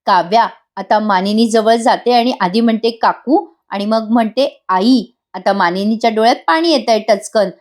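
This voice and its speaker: A woman's voice: a little high, moderate pace, few pauses. A woman narrating a voice-over recap of a TV serial, chatting directly to her viewers. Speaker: TV serial reviewer.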